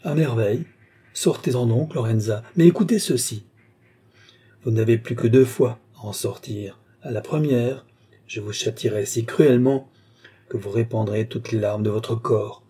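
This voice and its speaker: A cold, controlling enchanter, as a male audiobook reader plays him, speaking with measured, ironic menace. His voice is husky and dark, with a mellow warmth under the threat. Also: mid-range voice, close to an everyday voice. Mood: menacing. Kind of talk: audiobook character reading.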